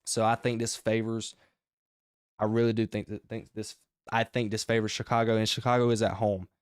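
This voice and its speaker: A man hosting his own sports podcast, talking through his game picks in a casual, energetic, rambling way with emphatic outbursts. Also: lowish voice, a little fast, clear, resonant tone, no room sound, clean studio sound. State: short of breath.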